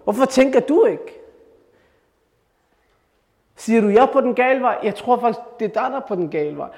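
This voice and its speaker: A man voicing a young man who answers his mother firmly but gently and politely. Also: very high-pitched, pitched above the performer's own voice. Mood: earnest. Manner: steady and polite. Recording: reverberant hall.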